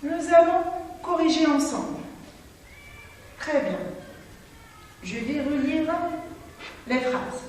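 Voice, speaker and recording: A woman teaching a children's French lesson slowly and clearly, reading example sentences aloud and encouraging her pupils. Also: high-pitched, darkish tone. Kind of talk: slow classroom lesson for children. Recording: echoey distant hall with faint noise.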